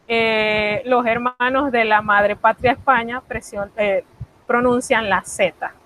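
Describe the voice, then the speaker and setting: Woman teacher explaining slow and patient, asks herself questions then answers, kinda high voice. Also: poor audio. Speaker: French teacher. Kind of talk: recorded online class lesson.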